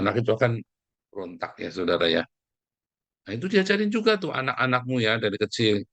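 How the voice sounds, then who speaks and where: A man's voice: fairly low pitch, fairly bright tone, no echo. A man preaching, his delivery emphatic and conversational as he keeps turning to his listeners. The sound is dry and close, with little room around it. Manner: emphatic, addresses listeners as "saudara". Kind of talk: sermon.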